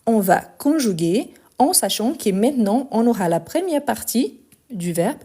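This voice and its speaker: Woman French teacher with a Lyon accent, live-stream grammar lesson, mellow and warm, deliberate and explanatory. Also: a little high, big pitch swings, slightly rough. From France and Brazil. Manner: explanatory, repeats forms slowly, gets indignant answering critics.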